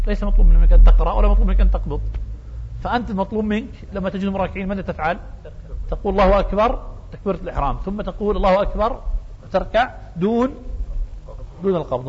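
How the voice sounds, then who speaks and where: A man teaches a religious lesson in a quick, high-pitched voice. He explains each point step by step, asking his listeners questions and answering them. The recording is dull and lo-fi, with long hall reverb. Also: breathy edge.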